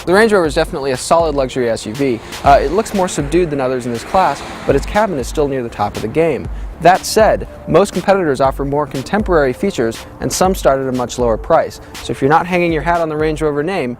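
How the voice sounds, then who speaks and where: A man's voice: fairly high pitch, lively intonation, fast, a little hiss or hum. A man presenting a car review video with wry, joking asides.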